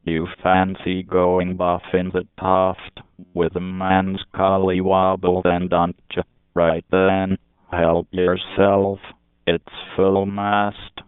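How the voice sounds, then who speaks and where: A man's voice: low voice, completely flat delivery, takes it slowly, clean tone, no room sound. A man voicing a pushy, lewd British man in a put-on British accent, full of bawdy slang. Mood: leering. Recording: tinny phone-like sound.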